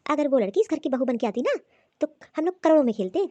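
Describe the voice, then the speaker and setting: A woman voicing a scheming, scolding middle-aged mother-in-law in a cartoon, talking in a sharp, taunting, bossy way. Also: sits high, sing-song, fast. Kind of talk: cartoon voice acting.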